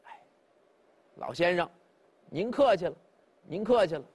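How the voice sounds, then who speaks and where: Casting: a man as a courteous ancient magistrate, coaxing and deferential, husky lively voice. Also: sits high, measured pace, full character voice. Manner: polite, coaxing official speech. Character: male county magistrate, courteous and persuasive.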